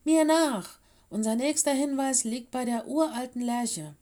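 A woman voicing an eager, clever young male forest animal in a storybook reading, with excited outbursts. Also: mid-range voice, unhurried.

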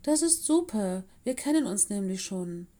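A woman's voice: mid-range voice, normal speed, natural voice. A woman voicing a cheerful, eager young animal pupil in a storybook reading. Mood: excited. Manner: eager, excited.

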